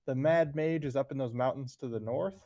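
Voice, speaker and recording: Man, game master, mid-pitch voice, explains the map step by step, voice call. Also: brisk, mellow. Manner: methodical, explains step by step with fillers. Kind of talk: describing a tabletop game map.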